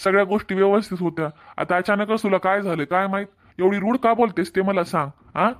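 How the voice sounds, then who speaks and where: A man's voice: high voice, fast, close to an everyday voice. A man voicing an insistent, earnest young married man in a cartoon story, with a Marathwada Marathi accent. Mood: accusing. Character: married young man, pushy then apologetic lover.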